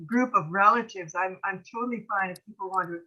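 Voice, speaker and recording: A woman in her late seventies speaking with missing front teeth, chatting effusively and haltingly on an online call. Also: mid-range voice, pushed and bright. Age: late 70s. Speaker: participant in an online gathering. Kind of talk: casual video-call chat. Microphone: video call microphone. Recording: muffled, band-limited online call audio.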